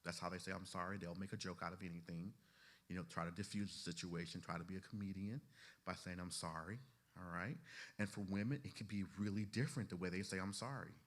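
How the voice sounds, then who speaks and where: A man's voice: low-pitched, fairly even intonation, fast, a bit bright. A man lecturing a class of trainees in a conversational way, often saying "you know" and asking the room questions. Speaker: instructor teaching therapists.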